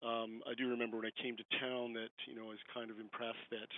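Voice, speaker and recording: A man in his fifties on a glitchy, faint phone line, speaking haltingly with many fillers during public comment at a council meeting. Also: medium pitch, flat delivery. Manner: hesitant, halting, full of "you know" fillers. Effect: glitchy, faint phone-line audio.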